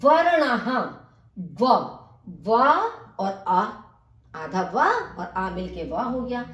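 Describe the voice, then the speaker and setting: Slow-talking woman teacher going through textbook exercises sound by sound, echoey room. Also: lowish voice. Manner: spells words out letter by letter, explaining in Hindi. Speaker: Sanskrit teacher.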